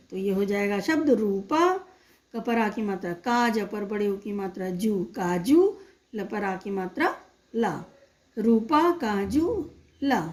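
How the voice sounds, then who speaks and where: A young woman with a high, light voice guides young pupils through a lesson. She breaks each word into its sounds and repeats them patiently, asking simple questions as she goes. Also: a little mellow. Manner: slow, patient, spells words sound by sound. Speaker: teacher. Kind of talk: online primary-school lesson.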